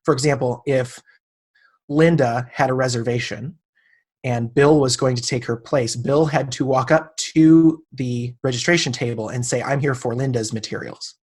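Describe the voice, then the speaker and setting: A man's voice: mid-range voice, fairly even intonation, moderate pace, breathy edge. A man in his late thirties, a podcast guest, telling a personal story in casual conversation and acting out the people he quotes. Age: 30s.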